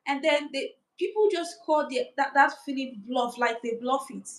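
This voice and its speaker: Woman host, high voice, casual live-stream commentary, animated and conversational. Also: normal speed, poor audio. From Africa. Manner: animated, talks to live viewers, many restarts and asides.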